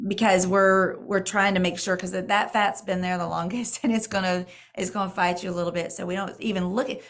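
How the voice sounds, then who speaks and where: A middle-aged woman with a hoarse voice, chatting casually and haltingly as she hosts a Q&A, often restarting her sentences. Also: lowish voice. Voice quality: hoarse, creaky. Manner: rambling, halting, self-correcting. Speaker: diet program mentor and host. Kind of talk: casual live Q&A chat.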